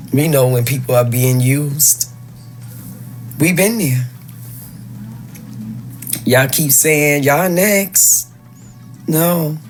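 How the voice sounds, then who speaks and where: A man delivers mocking, taunting commentary, throwing rhetorical questions at his listeners. He speaks very slowly and deliberately, and faint music plays behind him. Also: medium pitch, a little mellow. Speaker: social media commentator.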